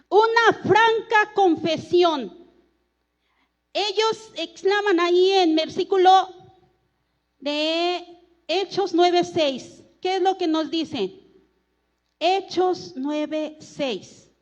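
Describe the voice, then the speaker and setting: A woman preaching a sermon in a church, earnest and prayerful, slowing down to stress key words. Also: high-pitched, lo-fi sound. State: tired.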